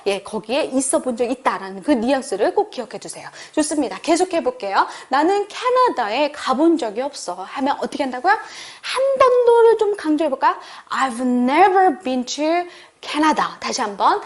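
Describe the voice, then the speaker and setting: A Korean-speaking woman teaching an online English lesson, explaining in animated bursts and modeling English sentences slowly and emphatically for learners to repeat. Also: sits high. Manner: lively, animated explanations with rhetorical questions.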